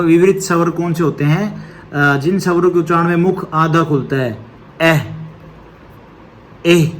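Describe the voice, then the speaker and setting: A man's voice: on the high side, slight background noise. A male teacher giving an exam-prep grammar lesson, patiently explaining step by step, posing questions and answering them himself, with a checking "okay" after each point.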